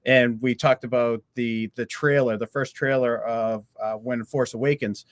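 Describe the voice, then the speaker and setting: A man's voice: medium pitch, fairly even intonation, moderate pace, no room sound. Rambling man in casual chat, dry sound. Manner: rambling, hesitant, many restarts. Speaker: podcast co-host.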